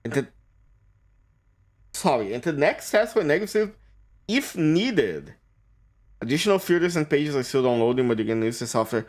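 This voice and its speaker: Lively-voiced man reading game text. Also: on the high side. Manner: reads haltingly, stumbles and restarts on words. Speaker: streamer.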